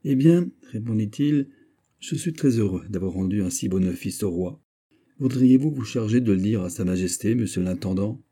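A man reading aloud voices a musketeer who speaks calmly and deliberately, with quiet mockery. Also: fairly low pitch, breathy edge. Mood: mocking. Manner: calm, deliberate, mocking. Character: cool mocking male musketeer.

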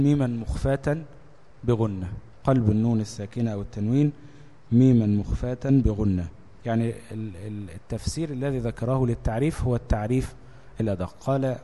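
A man with an Egyptian accent gives a tajweed lesson in a mellow, dark voice, putting a question to his listeners and then answering it himself. He moves between formal Arabic and everyday Egyptian speech. His voice carries a long echo, as in a large hall. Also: medium pitch. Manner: explains step by step, asks and answers his own questions. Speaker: Quran recitation teacher.

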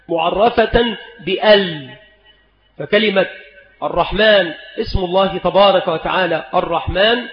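A man with a rather high voice teaches a lesson and draws out each example word slowly and deliberately. His voice carries a long echo in a large hall. The recording sounds dull and lo-fi. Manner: slow, deliberate, spells out examples. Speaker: Islamic scholar teaching spelling rules.

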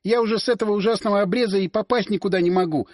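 A man's voice: high-pitched, racing, a little mellow, dry recording, clean studio sound, voice pushed up, close to an everyday voice. A man voicing a cheeky, wheedling young woman in an audiobook. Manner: wheedling, whiny. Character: cheeky red-haired young woman nicknamed Squirrel, wheedling.

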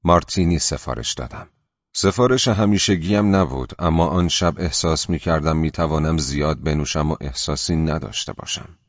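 Deep-voiced male audiobook narrator. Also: dry recording, muffled recording. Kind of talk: scripted literary narration.

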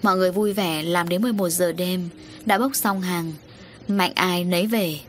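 A woman narrating an audiobook story in a steady storytelling manner. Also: lowish voice, moderate pace, a little hiss or hum.

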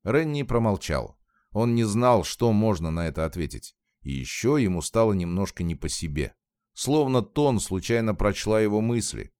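A man narrating a novel as an audiobook in a calm, measured, expressive reading on a close mic. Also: fairly low pitch, clean tone, dry recording.

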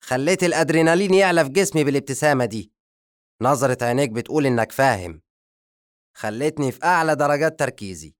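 A man with an Egyptian accent voicing a short-tempered, pompous male sorcerer who shouts and lectures fast. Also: lowish voice, steady tone, no echo, studio quality, natural voice. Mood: scolding. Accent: Egyptian Arabic. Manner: loud, fast, scolding.

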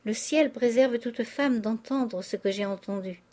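A woman's voice: on the high side, measured pace, dark tone, close to an everyday voice. A woman reading aloud, voicing a distraught young aristocratic wife making a tearful confession. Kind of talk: audiobook character reading.

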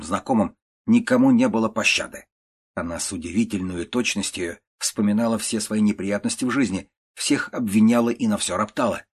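A man narrating classic prose for an audiobook in a measured, even manner. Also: on the low side, breathy edge.

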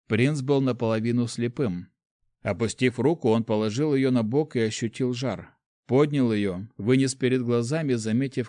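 A male audiobook narrator reads a fantasy novel from script in a steady, measured storytelling voice. His voice is mid-range, and the recording is dry and studio-clean.

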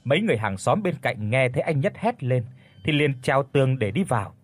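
A man narrating a horror audiobook in a dramatic, expressive storytelling voice. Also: mid-range voice, fairly quick.

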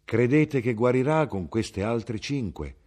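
A man voicing a poor, humble peasant wife who speaks slowly and exclaims in a high voice. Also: lively intonation, darkish tone. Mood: admiring, humble. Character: poor peasant wife, middle-aged woman, admiring.

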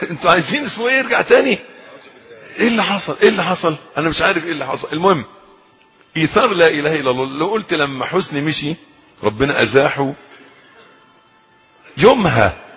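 A man's voice: fairly high pitch, animated, fast, long pauses, a bit bright, breathy edge. A man with an Egyptian accent preaching a sermon, pleading in prayer and putting questions to the audience. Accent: Egyptian Arabic. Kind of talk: sermon with supplications. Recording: echoey hall recording.

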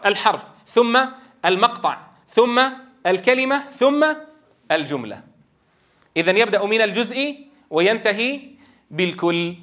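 A man's voice: sits high, big pitch swings, normal speed, pauses often, a bit bright. A man, a Quran teacher trainer, explaining step by step and asking the class rhetorical questions. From Levant. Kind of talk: lecture.

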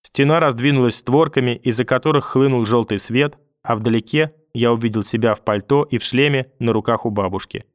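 A man reads an audiobook in a calm, measured voice of middle pitch. The recording is dry and close, with no room sound. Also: no echo. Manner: calm, measured, dreamlike storytelling. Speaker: audiobook narrator. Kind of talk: scripted narration.

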